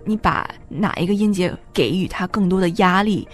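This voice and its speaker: A woman's voice: mid-range voice, moderate pace, faint music behind. A woman co-hosting a casual language show, patiently explaining English abbreviations and mixing English words into her talk. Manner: explanatory, mixes English terms into speech. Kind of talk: casual bilingual chat.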